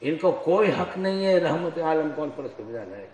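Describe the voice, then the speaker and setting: High-voiced guy preaching hard, combative, lots of rhetorical questions, big echoey hall. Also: animated, moderate pace, darkish tone. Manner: fiery, combative, rising to impassioned declaiming. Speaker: Islamic preacher. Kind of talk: polemical sermon. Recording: echoey hall with long reverb.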